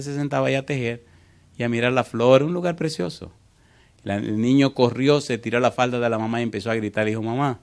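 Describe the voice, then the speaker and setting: A man preaching a sermon as pastor, telling a story to his congregation and asking it direct questions, moving from quiet passages to loud cries. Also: mid-range voice. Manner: storytelling preacher, swings from soft to loud exclamations.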